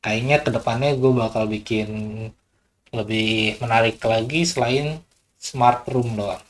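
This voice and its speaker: Slow, easygoing man teaching electronics. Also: mid-range voice, a little hiss or hum. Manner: relaxed slangy talk, repeats short test commands; addresses viewers as guys, upbeat sign-off. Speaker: electronics tutorial host. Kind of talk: casual hands-on tutorial.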